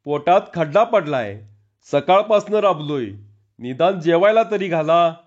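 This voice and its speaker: Male reader as a pleading, hungry rustic worker: higher, whining voice, lo-fi. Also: animated, a little slow. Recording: dull lo-fi recording.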